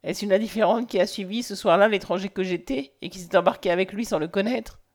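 A woman's voice: mid-range voice, fast talker, lightly acted. A woman voicing an ardent, domineering man who pleads and commands with passion in a read-aloud novel. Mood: urgent. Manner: impassioned, commanding. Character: ardent, domineering man declaring his love.

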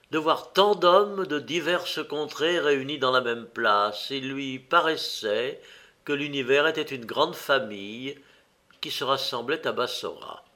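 A man narrating a classic story in a measured, deliberate reading. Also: medium pitch, sharp tone. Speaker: audiobook narrator. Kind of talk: scripted narration.

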